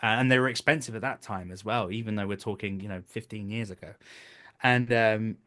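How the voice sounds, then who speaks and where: With a fairly low, fairly bright voice and fairly even intonation, a British man in his thirties speaks fairly quickly as an interview guest. He's a voice actor and stage performer, talkative and explanatory, chatting casually, telling stories and dropping into brief acted quotes.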